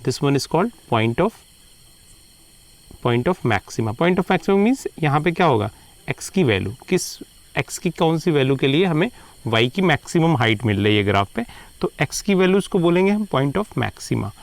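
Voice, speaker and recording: A man lectures on math at a middle pitch, his voice rough with a gravelly edge. He mixes Hindi and English and draws out key terms slowly for emphasis. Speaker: math teacher. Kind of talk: classroom lecture.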